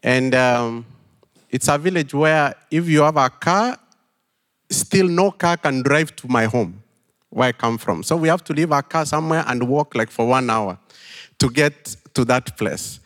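A middle-aged pastor from western Kenya, with a Kenyan accent, telling a story in an unhurried sermon with thoughtful pauses. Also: male voice, mid-range voice, a bit bright. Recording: long hall reverb.

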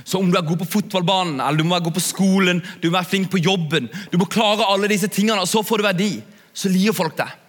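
A young man preaching to a youth audience in a relaxed, chatty way, often asking his listeners to agree. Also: sits high. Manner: chatty, asks "ikke sant?" often. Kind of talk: sermon. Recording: long hall reverb.

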